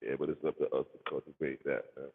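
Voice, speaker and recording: Talking quickly but in a level tone, this American streamer rambles through casual livestream chat, full of slang and repeated phrases for emphasis. His deep, gravelly voice runs through a bass-heavy mic, and the sound is muffled, narrow, and echoes like a hall.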